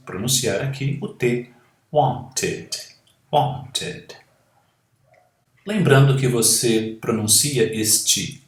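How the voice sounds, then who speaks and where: A Portuguese-speaking man teaching English, slowly modelling the pronunciation of words and phrases. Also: mid-range voice. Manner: slow, careful, drawn-out model pronunciations. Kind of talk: language lesson. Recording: echoey room.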